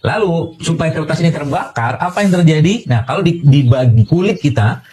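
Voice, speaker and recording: A man's voice: a little high, lively intonation, brisk, a little mellow, husky. A man from Indonesia giving a health talk to an audience as a doctor, explaining with everyday analogies and a lot of fillers.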